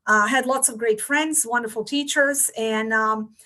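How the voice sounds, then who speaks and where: A woman in her forties with a Bosnian accent, a podcast guest telling her life story in a reflective, measured way. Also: fairly high pitch, steady tone, sharp tone. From Bosnia and Herzegovina. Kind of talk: interview storytelling.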